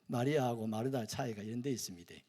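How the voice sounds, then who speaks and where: A male pastor with a Gyeongsang accent preaching a sermon, jumping from loud questions to hushed whispers. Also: medium pitch, quick pace, in a large hall. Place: church sanctuary.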